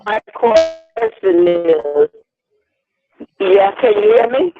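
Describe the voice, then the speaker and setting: A woman's voice: mid-range voice, very animated, extremely slow, over music. A woman calling into a webinar over a phone connection that keeps breaking up, hesitant and restarting her words. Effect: choppy phone connection that keeps breaking up. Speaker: caller on a webinar. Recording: tinny breaking-up phone line.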